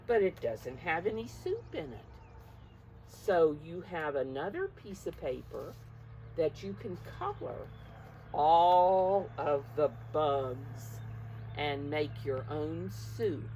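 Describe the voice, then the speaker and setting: In a slightly noisy recording, a woman with a low, darkish voice reads a picture book to preschool children interactively. She emphasises key words and keeps them engaged with simple explanations, questions and encouragement.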